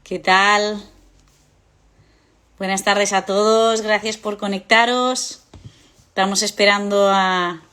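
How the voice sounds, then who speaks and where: A woman's voice: mid-range voice, a bit bright. Woman hosting an interview. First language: Spanish. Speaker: interview host. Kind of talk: live online interview, casual. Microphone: video call.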